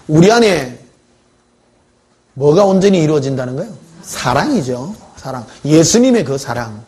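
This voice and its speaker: A man's voice: on the high side, big pitch swings, moderate pace, darkish tone. A male pastor preaching a sermon in church, telling stories in a conversational way and putting questions to the congregation.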